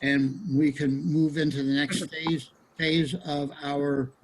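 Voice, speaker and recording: A man's voice: fairly high pitch, level tone, slow, background noise. A man leading a casual study group discussion on a video call, rambling with many restarts and fillers.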